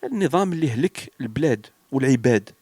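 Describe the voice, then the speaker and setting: An Algerian man with an Algerian French accent talks very fast in a mid-range voice, his intonation lively and his tone warm, with no room sound. Sick with a cold and fever, this vlogger rambles hesitantly through a personal monologue, slipping between French and Arabic.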